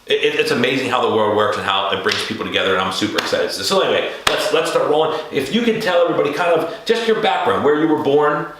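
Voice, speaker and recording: A man's voice: mid-range voice, expressive, fast talker, hardly any pauses, noisy background. A man hosting an interview podcast, chatting casually and rambling with many fillers and restarts. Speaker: podcast host. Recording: very echoey room.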